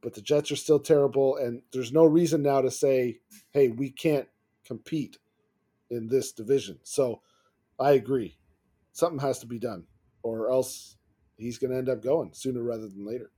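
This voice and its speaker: A man co-hosting a sports podcast, talking in long runs with restarts and getting animated and laughing when riled. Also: medium pitch, moderate pace, husky. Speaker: podcast co-host. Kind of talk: casual sports podcast chat.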